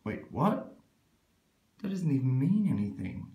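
Reading a children's book aloud in an echoey room, a man performs the story in an animated, theatrical, exaggerated way, sounding mock-exasperated. His medium-pitched voice is warm and sing-song, and he doesn't hurry.

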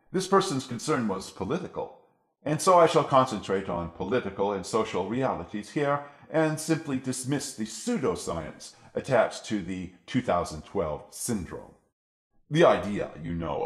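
Man with an electronically deepened, echoey voice. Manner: formal, measured, lecturing, dry humor. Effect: electronically altered, pitch-lowered voice. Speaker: channel producer and host. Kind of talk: scripted commentary monologue.

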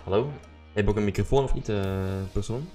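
A man's voice: on the low side, brisk, mellow, soft background music. A man hosting a live gameplay stream, chatting casually, greeting viewers and humming while he plays. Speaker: livestream gamer host.

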